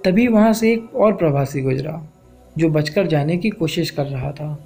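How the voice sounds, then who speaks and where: A man's voice: fairly high pitch, moderate pace, a little mellow, slightly rough. A man narrating a spoken-word story in an earnest, reflective way. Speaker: poet and storyteller.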